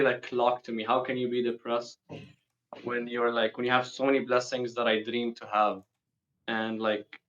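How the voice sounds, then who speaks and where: A young man born and raised in the UAE, Palestinian, speaking casually as a guest over a video call, slangy and quick in bursts. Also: mid-range voice, lo-fi sound.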